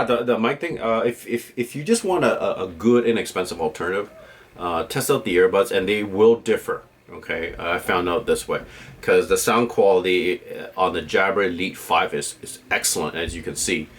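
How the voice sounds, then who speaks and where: Deep-voiced man rambling through a gear review. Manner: rambling, opinionated, checks in with "right?" and "okay?". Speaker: tech reviewer vlogger. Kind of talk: casual unscripted camera gear review.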